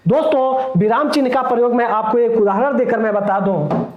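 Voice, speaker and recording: High-voiced male teacher, echoey room. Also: fairly even intonation, narrow, tinny audio. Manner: explains slowly, repeats points, asks rhetorical questions. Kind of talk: classroom lecture. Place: classroom.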